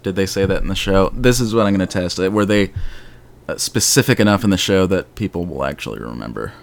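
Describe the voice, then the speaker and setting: A man chatting casually as a podcast host, rambling and animated, with the occasional swear. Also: sits low, fast, creaky. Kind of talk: casual fan discussion.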